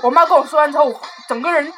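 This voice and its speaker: A young woman talks at a rapid clip in a high voice. She tells stories bluntly and freely in casual chat, with music playing underneath. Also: low-quality recording. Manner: lively storyteller, blunt and swearing.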